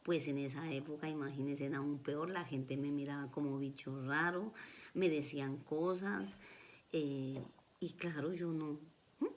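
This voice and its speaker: A woman's voice: low voice, steady tone, unhurried, slight background noise. A Colombian woman telling her own life story to camera, earnest and emotional, often repeating her phrases. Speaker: vlogger.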